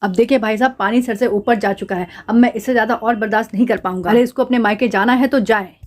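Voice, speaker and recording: A woman's voice: on the high side, fairly even intonation, fast, close to an everyday voice. A woman voicing a quarrelsome middle-aged husband who grumbles and brushes his wife off, in a doll drama. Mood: fed up. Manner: grumbling, dismissive. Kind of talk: doll drama role-play.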